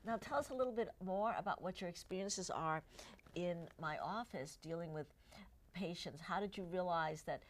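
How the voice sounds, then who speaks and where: A middle-aged eye doctor hosts a health talk show in a TV studio, chatting with guests and often asking them to agree; Cantonese is her first language. Her voice is fairly low and moves at a normal speed. A little hiss or hum sits in the recording.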